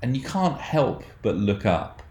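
A man narrating as game master of a tabletop horror game, describing scenes in a halting way with many fillers. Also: medium pitch, big pitch swings, a little mellow. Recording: roomy echoey recording.

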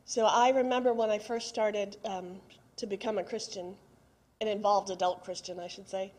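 A woman's voice: medium pitch, steady tone, moderate pace, darkish tone. A middle-aged woman, preaching a sermon in a conversational way and putting questions straight to the congregation. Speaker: pastor.

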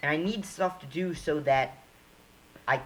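A young man in casual chat, telling stories in an animated way with quick restarts and asides. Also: on the high side, a little hiss or hum, rough recording. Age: young adult.

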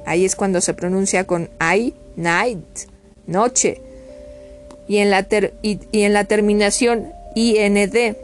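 A woman giving a spoken pronunciation lesson, spelling out letters and repeating each example word several times. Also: medium pitch. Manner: repeats words slowly, spells letters aloud. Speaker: English pronunciation teacher.

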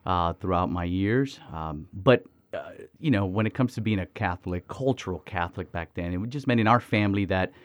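A man from the Dominican Republic with a very deep voice tells his own story as an interview guest. He talks in lively bursts with plenty of fillers and restarts, recorded dry and close. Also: a little fast, few pauses, no echo, dull audio. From Dominican Republic, raised in Miami. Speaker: guest, mission organization director.

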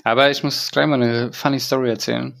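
A man's voice: mid-range voice, flat delivery, fairly quick, vocal fry, a bit bright. A man in his thirties hosting a casual podcast, still a bit ill, telling a rambling story in slangy speech full of fillers. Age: 30s. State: recovering from illness. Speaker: podcast host.

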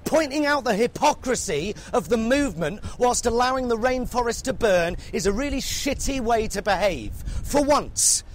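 A furious, foul-mouthed English reporter, played by a man tears into his targets in a comedic rant. The voice sits high and strains with sarcasm, breaking into shouts. A faint hum of noise lies under it. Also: lively intonation, normal speed, hardly any pauses. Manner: angry, sarcastic, swears heavily, shouts at times. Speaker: satirical reporter character.

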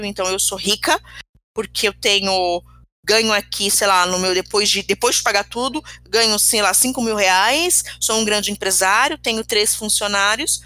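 A woman speaks emphatically in a casual chat. She makes her points with sarcastic bite. Her voice sounds bright, and the dry recording keeps it close. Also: medium pitch, no echo.

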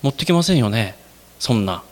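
A man preaching a sermon to his congregation, speaking to them directly. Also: brisk. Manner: animated, addresses the congregation directly; acts out quoted voices with sudden jumps in pitch. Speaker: pastor.

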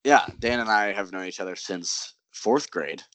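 A man's voice: on the low side, normal speed, no room sound. A young man co-hosting a sports podcast, chatting casually and rambling with lots of "like" and "um". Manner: relaxed, rambling with many likes and ums. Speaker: podcast co-host. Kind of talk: casual chat.

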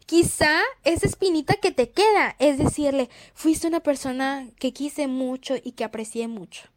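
A woman's voice: sits high, normal speed, dry recording, studio quality. A young woman with a Mexican accent, hosting a casual storytelling podcast, chatty and slangy, giggling and acting out quotes as she tells anecdotes. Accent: Mexican Spanish. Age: young adult. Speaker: podcast host.

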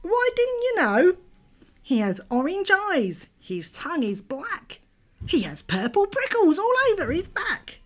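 A woman's voice: very high voice, wildly swooping pitch, measured pace, pitched above the performer's own voice, exaggerated voice. A woman voicing a small, clever, polite male mouse hero in a children's storybook. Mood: cheerful, sly. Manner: plucky, bright, polite.

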